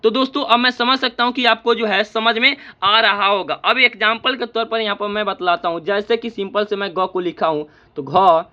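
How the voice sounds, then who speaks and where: A man with a high voice teaches a lesson at an unhurried pace. He explains each step and keeps asking his viewers questions, then answers them himself. The recording sounds slightly dull and lo-fi. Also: steady tone, sharp tone. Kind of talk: spoken classroom lesson.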